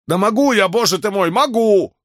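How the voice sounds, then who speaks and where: A man's voice: a little high, expressive, measured pace, dry recording, studio quality, pitched above the performer's own voice. A man reading an audiobook, voicing a frightened, guilt-ridden older doctor who talks in a trembling, pleading way. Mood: defensive.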